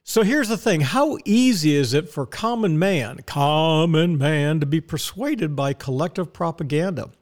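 A man with a slightly high-pitched voice hosts a casual solo podcast. He talks in a folksy way, posing rhetorical questions and answering them himself. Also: animated, normal speed, few pauses. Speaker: podcast host. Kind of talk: casual monologue talk.

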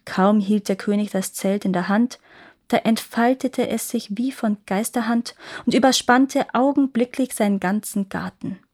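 A woman who hosts a storytelling podcast, reading a fairy tale in calm, measured narration. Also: mid-range voice.

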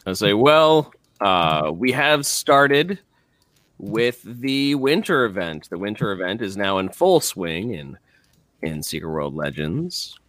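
A man hosting a casual game podcast, upbeat and quick to laugh. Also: lowish voice, dry recording, clean studio sound. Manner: lively, giggly, upbeat. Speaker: podcast host. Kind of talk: casual chat.

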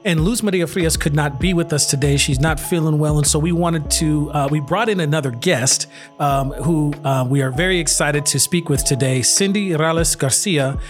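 A man hosting a podcast, speaking in a halting way with many restarts. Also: a little high, faint music behind. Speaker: podcast host. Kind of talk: casual podcast conversation.

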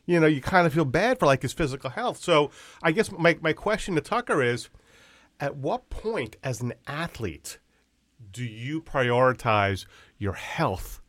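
A man's voice: on the high side, lively intonation, a little slow, a bit bright, no room sound. Male co-host, blunt tangent-prone talker, dry close-mic sound. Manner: blunt, swears, jumps in with tangents. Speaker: podcast co-host. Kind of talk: casual podcast chat.

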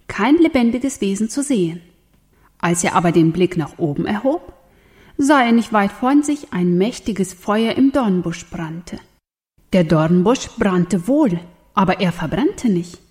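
Slow, earnest woman reading a Bible story to children. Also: mid-range voice, lively intonation. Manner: gentle, earnest storytelling with rhetorical questions.

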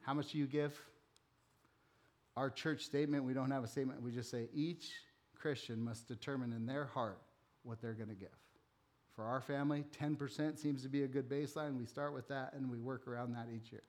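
A male pastor preaching a sermon in a church, talking casually and then building higher and louder when stirred, and slowing right down to read scripture. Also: fairly even intonation. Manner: reads scripture slowly and deliberately.

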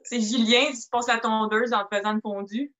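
A woman with a Quebec French accent in casual group conversation. Her voice sits a little high and has a bright, forward edge. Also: fairly even intonation, normal speed, muffled recording.

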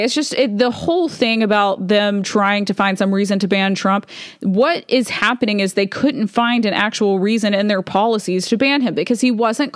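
A woman's voice: on the high side, dry recording, clean studio sound. A woman vlogger reading documents aloud with opinionated commentary, with frequent ums and punctuation read out.

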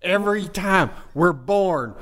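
A man playing a proud, secretive simpleton in improvised comedy, terse and deadpan. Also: high-pitched, slow, heavily acted. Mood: secretive, aggrieved.

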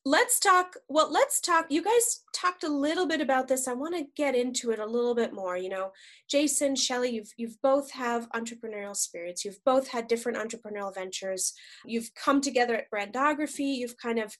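A woman hosting a casual interview chat, her voice sitting a little on the high side. She talks in a friendly, rambling way, often repeating and restarting her words before landing on a question. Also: a little fast, fairly bright tone. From United States. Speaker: podcast host.

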